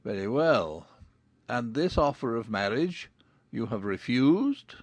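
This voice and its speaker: A man playing a dry, ironic middle-aged gentleman father in a dramatized audiobook, with measured formal delivery. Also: mid-range voice, big pitch swings, no room sound. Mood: mock-solemn.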